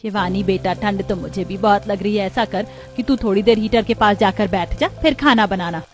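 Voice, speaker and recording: A woman's voice: medium pitch, normal speed, faint music behind, lightly acted. A woman voicing a firm but caring middle-aged mother-in-law. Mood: stern. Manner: scolding yet caring.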